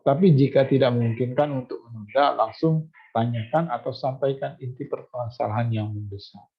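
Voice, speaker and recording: A man's voice: mid-range voice, moderate pace, husky, muffled recording. A man lecturing to university students, explaining step by step with many fillers and restarts and checking whether they follow. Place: classroom or online class.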